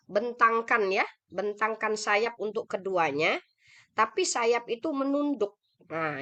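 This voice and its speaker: A middle-aged woman religious teacher with an Indonesian accent lectures on scripture in a bright, clear voice. She explains things patiently and often puts a question to her listeners before answering it herself. She is heard through a video call. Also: mid-range voice. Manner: explanatory, asks the audience questions and answers them. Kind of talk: Quran study lecture. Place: online meeting.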